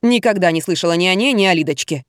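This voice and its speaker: A woman's voice: on the low side, fast, no echo, studio quality, natural voice. A woman voicing a wary middle-aged woman who answers curtly and dismissively.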